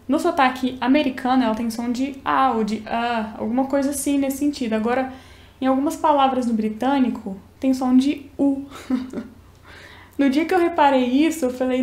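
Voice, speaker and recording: A woman's voice: sits high, mellow. A young woman from Minas Gerais, Brazil, with a Minas accent, casually teaching English pronunciation and demonstrating sounds. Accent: Minas Gerais Brazilian Portuguese. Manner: chatty, explains and demonstrates pronunciations. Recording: echoey room.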